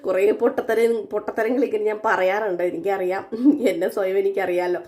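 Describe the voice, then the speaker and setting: A woman's voice: medium pitch, steady tone, fairly quick, darkish tone. Chatty woman recapping a TV serial. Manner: chatty, self-deprecating, addresses viewers. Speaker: serial reviewer. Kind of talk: casual retelling of a TV serial episode.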